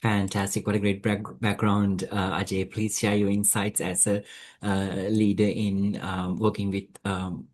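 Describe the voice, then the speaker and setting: A man's voice: lowish voice, little pitch movement, measured pace. A man hosting an online group session over a video call, welcoming people with many fillers and restarts. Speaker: webinar host.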